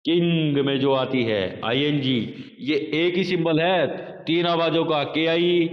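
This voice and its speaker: A man teaching a phonetics lesson to a class, speaking slowly and repeating sample words for his students. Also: a little high. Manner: slow, repetitive, addresses students as children. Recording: echoey lo-fi room recording.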